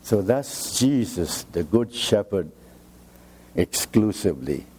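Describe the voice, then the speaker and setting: A man preaching a sermon, slow and emphatic, repeating key phrases for weight. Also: on the low side, big pitch swings, dark tone, slight background noise.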